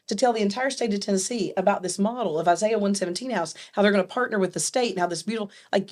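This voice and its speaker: A woman telling a story as a guest, lively and quick with her asides. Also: on the high side. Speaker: nonprofit founder, guest. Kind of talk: animated storytelling.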